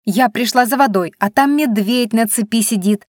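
A woman's voice: a little high, normal speed, no room sound, studio quality, lightly acted. A woman playing an indignant young heroine. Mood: insistent. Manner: loud, insistent, exasperated. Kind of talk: audiobook reading.

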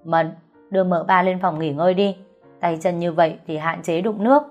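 A woman voicing a stern, scolding older lady of the house who talks in sharp, cutting remarks. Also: fairly low pitch, steady tone, moderate pace, muffled recording, soft background music, natural voice. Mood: curt.

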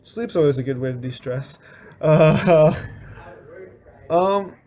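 Young guy, college student, lots of likes and ums, mellow voice. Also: on the high side, slow pace. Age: young adult. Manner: rambling with many fillers. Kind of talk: casual interview answer.

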